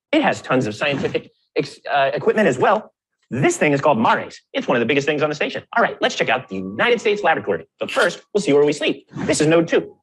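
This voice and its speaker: Sped-up chipmunk voice of a man narrating, lively, squeaky, upbeat show-and-tell. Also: slight background noise. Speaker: astronaut. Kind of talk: quick explainer video narration.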